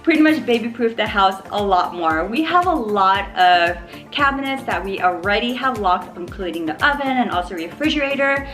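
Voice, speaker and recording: A young mom vlogger shares a cheerful, casual update about her baby from her home living room, chatty and upbeat, calling viewers "you guys" and sometimes imitating baby sounds. Her medium-pitched voice is fairly bright, with lively intonation and a moderate pace, and faint music plays behind her.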